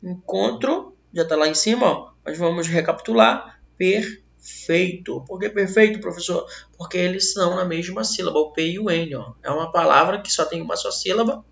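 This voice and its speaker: Brazilian male teacher, lively questioning style, gravelly voice, echoey lo-fi room sound. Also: high voice, fairly quick, few pauses. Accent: Brazilian Portuguese. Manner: lively, asks questions and answers them himself. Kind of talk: online grammar lesson. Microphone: laptop mic. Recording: roomy, dull lo-fi webcam audio.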